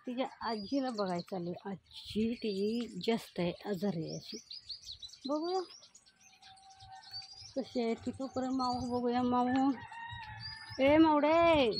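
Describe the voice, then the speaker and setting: A woman's voice: on the high side, background noise. A woman walking through a village lane while filming a casual vlog, calling out to animals and chatting with neighbours. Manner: calls out loudly to cats and hens, chats with neighbours. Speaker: village vlogger.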